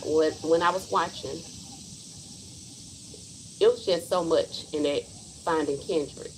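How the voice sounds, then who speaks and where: A woman's voice: fairly low pitch, a little hiss or hum, rough recording. A woman in her forties, hosting a casual livestream and speaking her mind bluntly and emphatically. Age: 40s. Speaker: livestream host.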